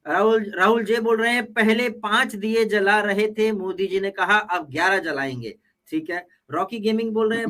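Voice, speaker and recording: A man with a high, bright voice reads viewer comments aloud on a live political panel. He moves quickly from one comment to the next and answers the other side with joking comebacks.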